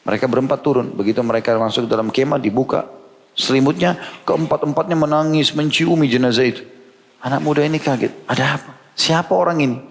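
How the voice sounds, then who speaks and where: A man giving a sermon, telling a story with animated delivery and acting out the characters' lines. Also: mid-range voice, fast talker. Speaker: preacher. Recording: long hall reverb.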